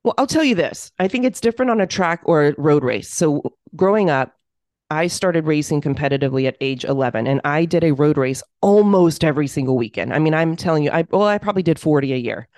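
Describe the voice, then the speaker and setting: A woman co-hosting a casual podcast as a running coach, telling stories in a measured way. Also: low-pitched, lively intonation, a little mellow, no echo, studio quality. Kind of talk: casual chat.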